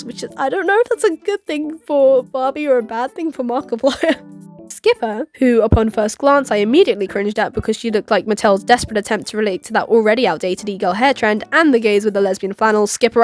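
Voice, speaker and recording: A young woman in her twenties talks through a film recap in a rambling, sarcastic style and throws in giggly asides. Her voice sits a little high, and faint music plays under her. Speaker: YouTube commentator. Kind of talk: casual commentary vlog.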